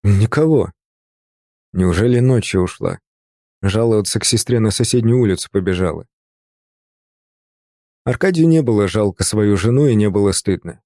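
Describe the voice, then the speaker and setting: A man narrating an audiobook in an even, measured literary reading. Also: fairly low pitch, dry recording, studio quality.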